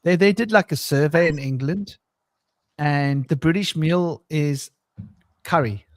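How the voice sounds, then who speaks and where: A man's voice: a little high, a little slow, no echo, clean studio sound. Rambling, jokey male podcast co-host. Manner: rambling, jokey, laughs often, many restarts. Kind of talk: casual conversational podcast chat.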